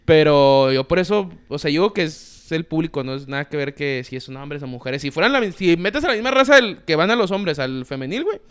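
Mexican man, quick and smooth-voiced, insistent in a casual soccer chat. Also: a little high, lively intonation. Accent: Mexican Spanish. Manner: insistent, argues his point repeatedly. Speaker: podcast co-host.

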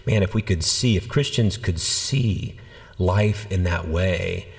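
A man, a pastor, talking through faith in a relaxed conversational way, a lively storyteller. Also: deep voice, slow, vocal fry, big-room sound. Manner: animated storyteller, acts out quoted voices. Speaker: senior pastor. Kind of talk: conversational church podcast teaching.

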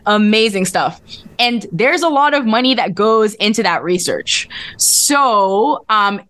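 A woman with a somewhat high voice talks as a podcast guest. She explains casually and conversationally, with slangy, informal phrasing. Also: a bit bright. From outside the US. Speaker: podcast guest, research scientist.

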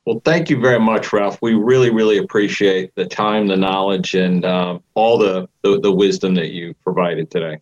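A middle-aged or older man co-hosting a podcast in casual, halting talk that often repeats words. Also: low-pitched, fairly even intonation, darkish tone, muffled recording. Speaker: podcast co-host. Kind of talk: casual interview chat.

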